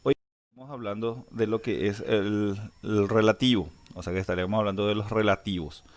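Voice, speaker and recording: A man's voice: on the low side, fairly even intonation, moderate pace. Man teaching a grammar lesson. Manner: explains step by step with frequent "eh" fillers and restarts. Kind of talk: recorded online grammar lesson.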